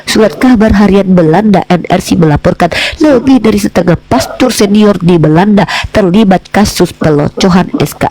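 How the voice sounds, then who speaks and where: High-voiced man, scornful debater who lectures and taunts. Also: mellow, no echo, poor audio. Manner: mocking, scolding, repeatedly calling the other "Dek". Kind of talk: heated interfaith debate.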